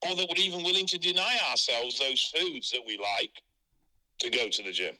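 A man's voice: mid-range voice, expressive, moderate pace, bright, forceful tone. A man speaking bluntly and frankly as an interviewee, heard over a phone line. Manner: blunt, frank and matter-of-fact.

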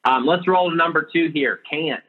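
A man's voice: a little high, normal speed, phone-quality sound. A man hosting a casual group discussion, talking in a rambling way with many restarts. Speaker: podcast host.

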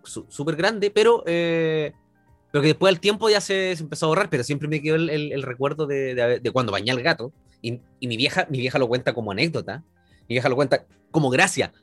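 A man's voice: a little high, brisk, a bit bright, no room sound, soft background music. A young man with a Chilean accent, a podcast guest telling a rambling story in slangy casual chat. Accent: Chilean Spanish.

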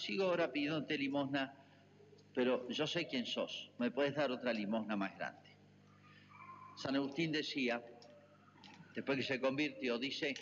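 An Argentine priest delivers a homily with a lively, rising and falling voice, turning often to his listeners. His words ring out with a long church reverb, and the recording sounds muffled and lo-fi. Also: a little high, slight background noise. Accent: Argentine Spanish. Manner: earnest preaching, addresses the congregation directly.

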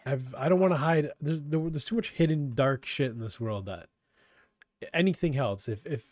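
A man's voice: mid-range voice, normal speed, a little mellow, no echo, studio quality. A young man hosting a casual podcast over a video call, rambling and swearing, intoxicated and laid-back. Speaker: podcast host. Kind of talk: casual chat.

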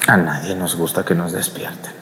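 A man's voice: deep voice, fairly even intonation, normal speed, fairly bright tone. A man preaching a homily, talking conversationally, questioning the congregation and acting out scenes. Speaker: priest. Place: church. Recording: long church reverb.

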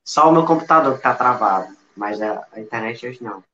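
A man's voice: mid-range voice, lively intonation, fairly quick, sharp tone. A man introducing a live stream in a casual, playfully grandiose way. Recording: echoey room, dull noisy stream audio.

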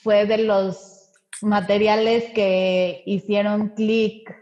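A woman's voice: medium pitch, level tone, very slow, mellow, lo-fi sound. A woman talking casually as an interview guest on a podcast. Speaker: podcast guest, Montessori educator.

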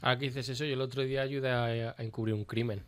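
A man's voice: mid-range voice, flat delivery, fast. A man hosting a casual comic radio talk show, telling anecdotes and acting out the voices of the people in them. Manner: tells anecdotes, acts out quoted voices.

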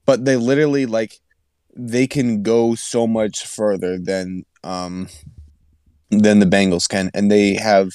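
A man's voice: on the low side, darkish tone, clean tone, no room sound, clean studio sound. A young man on a sports podcast who rambles, loses his words and giggles as he talks. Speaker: podcast co-host. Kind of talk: casual sports chat.

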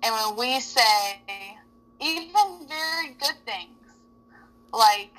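A woman guest speaking earnestly and reflectively, filling her thoughts with "like" and "you know." Her voice sits a little high and sounds bright and forceful. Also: lively intonation, takes it slowly, rough recording. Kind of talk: reflective casual talk.

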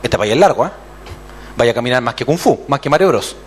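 A man's voice: mid-range voice, a little fast, a little hiss or hum. A man with a Chilean accent preaching a sermon as pastor, acting out other voices and calling for amens. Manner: animated, acts out voices and calls for amens.

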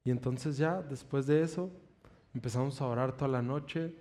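A man's voice: mid-range voice, moderate pace, darkish tone. A man preaching a sermon, telling a personal testimony in an earnest way and stretching out emphatic declarations.

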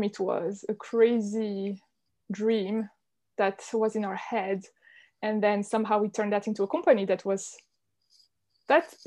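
A Swiss woman, an entrepreneur appearing as a podcast guest, tells her own story in a candid, reflective conversational interview. Her voice is mid-range and a little mellow.

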